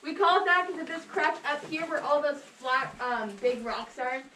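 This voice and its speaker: A woman's voice: high voice, moderate pace. A woman working as a tour guide, talking casually and jokingly to a group inside an echoing cave. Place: underground cave room. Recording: echoey cave, distant mic, clear background noise.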